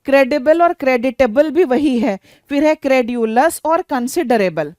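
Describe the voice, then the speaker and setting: A woman's voice: high-pitched, expressive, normal speed, warm tone, no echo, clean studio sound. A woman with an Indian accent teaching English vocabulary for an exam, explaining meanings and spelling words out letter by letter. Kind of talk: exam-prep lesson.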